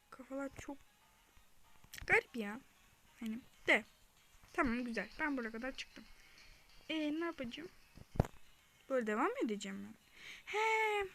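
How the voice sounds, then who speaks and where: A young woman talks through a video game in a high, bright voice, chatty and quick to shriek when something chases her. She keeps slipping into hushed whispers. A faint hiss of noise sits under the recording. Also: creaky. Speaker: gaming channel host. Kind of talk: casual gameplay commentary.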